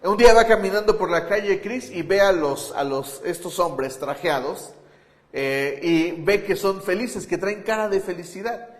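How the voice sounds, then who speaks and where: A man's voice: sits high, expressive, measured pace. A pastor preaching a conversational sermon, asking his listeners rhetorical questions. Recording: echoey hall with long reverb.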